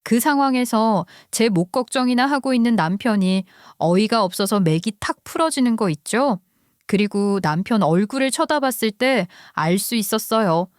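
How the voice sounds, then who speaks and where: A woman narrating a listener's story in the first person, in a steady, confiding way. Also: medium pitch, no room sound, clean studio sound.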